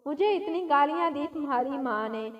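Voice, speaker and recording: A woman's voice: sits high, expressive, highs cut off. A woman voicing a sulky, quarrelsome young wife. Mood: complaining. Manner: complaining and whiny. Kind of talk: storytelling narration.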